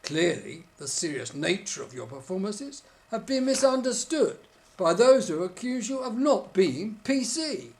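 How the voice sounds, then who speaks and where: A polite, formal interviewer in a scripted mock studio interview. The delivery is straight-faced, yet the pitch moves about in a lively way. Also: measured pace.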